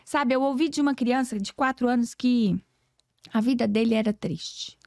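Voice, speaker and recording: A Brazilian educator in her forties, speaking with a Brazilian Portuguese accent, is a podcast guest in an emotional storytelling interview. She tells stories earnestly, even preachily, acting out the conversations. Her voice is a little high and darkish at a moderate pace, recorded dry with clean studio sound.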